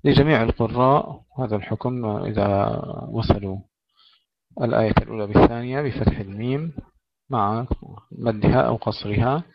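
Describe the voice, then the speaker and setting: A man's voice: fairly low pitch, vocal fry, slight background noise. Man teaching Quran recitation, dull recording. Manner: recites verses slowly, then explains rules in quick plain speech. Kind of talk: tajweed lesson, reciting and explaining.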